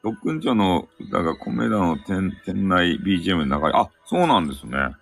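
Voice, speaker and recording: A man's voice: deep voice, very animated, fairly quick, gravelly, breathy edge, soft background music. A man speaking with a Hakata accent, chatting and joking loosely as a live-stream host, his throat slightly sore. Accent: Hakata dialect. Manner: chatty, joking, drifting between topics. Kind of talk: casual chat. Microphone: phone app stream mic.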